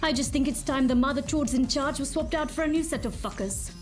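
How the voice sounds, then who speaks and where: A woman's voice: high-pitched, a little fast, soft background music, natural voice. A woman playing a caustic, scornful, sarcastic workshop boss in a video game. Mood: grudging, sardonic. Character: foul-mouthed, scornful female boss of a robot workshop. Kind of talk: video game character acting.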